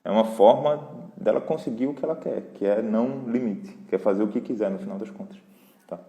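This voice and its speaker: A man with a Brazilian accent, hosting a live parenting Q&A in a relaxed, conversational way and talking straight to his viewers. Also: lowish voice, fairly quick, vocal fry. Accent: Brazilian Portuguese. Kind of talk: casual live Q&A talk. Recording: roomy hall echo.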